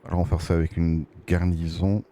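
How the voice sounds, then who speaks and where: A man's voice: deep voice, flat delivery, brisk, mellow. A man with a Belgian French accent giving casual, somewhat hesitant live commentary as a game streamer.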